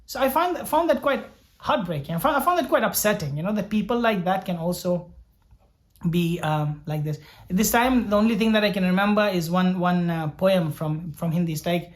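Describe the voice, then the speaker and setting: A man's voice: high voice, animated, moderate pace. A young man from Sri Lanka, a doctor, telling his story in an earnest, reflective way, often repeating words as he thinks aloud. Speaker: doctor vlogger. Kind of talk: personal storytelling vlog.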